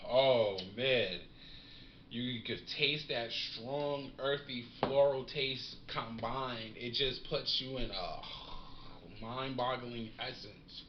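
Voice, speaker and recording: A man's voice: mid-range voice, takes it slowly. A man talking casually in slang while smoking and reviewing a cannabis strain. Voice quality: slangy, relaxed, savoring. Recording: roomy, dull lo-fi sound with faint noise.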